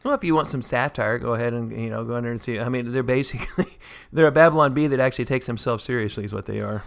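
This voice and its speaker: A man with a gravelly, crackly voice co-hosting a casual podcast. His voice sits at a middle pitch. He explains his views at length and slips in dry, joking asides. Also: fast. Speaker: podcast co-host.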